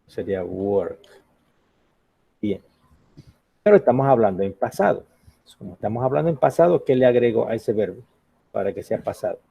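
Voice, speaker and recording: A male teacher with a low, gravelly voice that turns husky, walking a class through grammar and pausing to check they follow. The sound is dull and lo-fi. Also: sing-song, no room sound. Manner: patient, checks in with frequent "ok?" questions. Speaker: English teacher.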